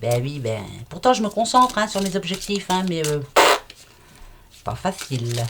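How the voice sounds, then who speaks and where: A woman's voice: on the low side, very animated, normal speed, very noisy. A middle-aged woman giving a casual card reading to her viewers, chatty, familiar and reassuring, with everyday slang. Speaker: card reader.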